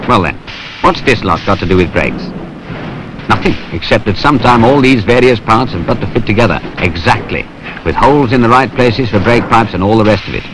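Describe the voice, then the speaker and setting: A British man narrates a noisy 1970s industrial film in a wry, colloquial, conversational way. His voice is lowish, expressive, and a little fast.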